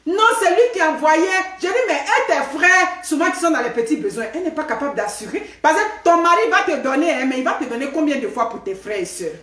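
A woman giving lively, emphatic advice to women, with many rhetorical questions and tag words like "hein". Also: high-pitched, quick pace, hardly any pauses, distant mic. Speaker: live video host giving advice to women. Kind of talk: casual animated advice talk to viewers. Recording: echoey room.

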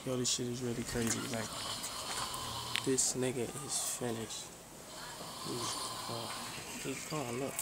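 A man quietly giving amused, slangy running commentary while filming a prank on a sleeping friend. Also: mid-range voice, little pitch movement, measured pace, pauses often. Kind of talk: hushed casual commentary to camera. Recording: home video with loud background noise.

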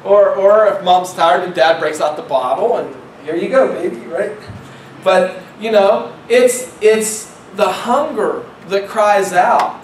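A man's voice: high-pitched, slow, roomy sound, far from the mic, a little hiss or hum, poor audio. A man preaching as pastor in a church, in a conversational style that repeats phrases and asks the congregation questions. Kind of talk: sermon. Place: church sanctuary.

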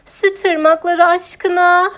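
A woman voicing a vain, stubborn female cow who exclaims loudly and whines in drawn-out words, in a children's audiobook. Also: high voice, pitched above the performer's own voice, lightly acted. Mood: demanding.

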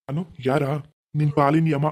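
A performer voicing a menacing, mocking ghost in a cartoon. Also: medium pitch. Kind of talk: animated cartoon voice acting.

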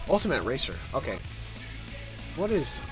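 A man streaming a racing game, talking casually, swearing and shouting at the game. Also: mid-range voice, very animated, moderate pace. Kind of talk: casual gameplay commentary. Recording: game music over the voice. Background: game music.

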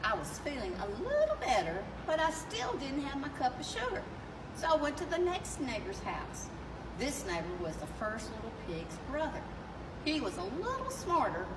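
A chatty storybook wolf played by a woman reading aloud pleads his case with mock innocence. The delivery swings in pitch, conversational and animated. It is heard from some distance outdoors, with echo and clear background noise. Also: normal speed. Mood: storytelling. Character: chatty, self-justifying wolf telling his side. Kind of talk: children's picture-book read-aloud. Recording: distant mic outdoors, noisy, echoey ambience.

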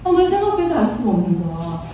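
A woman teaching kindergarten Sunday school, telling a Bible story in an animated, playful way and asking the children questions. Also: a little high, quick pace, highs cut off, slight background noise. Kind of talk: storytelling sermon for young children. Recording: echoey room, voice from far off.

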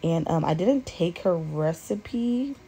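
A woman's voice: fairly low pitch, takes it slowly, vocal fry, a little hiss or hum. Chatty woman in her kitchen. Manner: relaxed, chatty, lots of fillers. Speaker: cooking vlogger. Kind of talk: casual cooking narration. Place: home kitchen.

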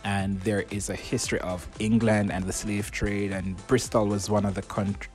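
Jamaican guy, young, lowish voice, talks thoughtfully about his studies, soft music under it. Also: little pitch movement, normal speed. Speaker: interviewed student. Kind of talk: casual interview answers.

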